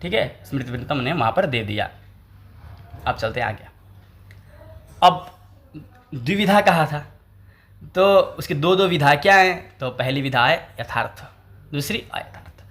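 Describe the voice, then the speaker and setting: A man teaches Sanskrit by lecturing on a text, posing questions, answering them himself and repeating the key terms. His voice is somewhat high, expressive and a bit bright, and he speaks a little slowly with frequent pauses.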